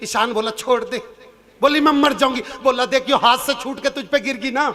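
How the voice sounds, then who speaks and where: Male stage comic poet, piercing high pitch, storytelling for a live show. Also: steady tone, moderate pace, background noise. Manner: acts out characters' lines in shifted voices; turns earnest and preachy near the end. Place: outdoor or hall stage before a live audience.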